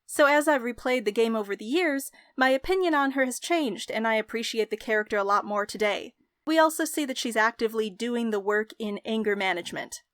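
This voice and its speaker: A young woman narrating a scripted game review in an articulate, measured way. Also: fairly high pitch, a bit bright, no room sound, clean studio sound. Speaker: video essayist, game reviewer.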